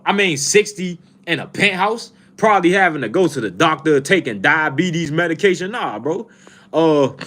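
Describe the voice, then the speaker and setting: A man's voice: mid-range voice, fairly bright tone. A man, chatting casually on a livestream, reading viewer comments, swearing and repeating himself. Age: 20s. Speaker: fragrance livestream host.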